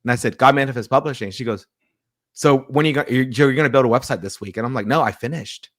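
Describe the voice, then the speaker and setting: A man recounting events to an interviewer in a relaxed, conversational way. He slips into the voices of the people he quotes and often repeats words as he restarts sentences. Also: medium pitch, fast talker. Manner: animated retelling with quoted dialogue and frequent restarts. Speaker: pastor and publisher, interview guest. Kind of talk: storytelling in a casual interview.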